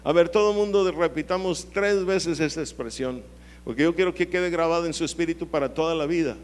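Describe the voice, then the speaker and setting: A man's voice: a little fast, slight background noise. Preacher in his fifties. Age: 50s. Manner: call-and-response with the congregation; dramatic swings into high pleading voice. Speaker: pastor. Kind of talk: sermon.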